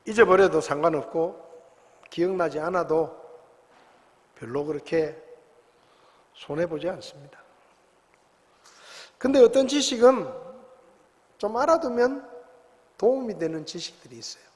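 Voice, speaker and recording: A pastor preaches a sermon in the long reverb of a church sanctuary, telling stories conversationally and posing rhetorical questions. His voice sits high and a little mellow, animated but a little slow, with frequent pauses.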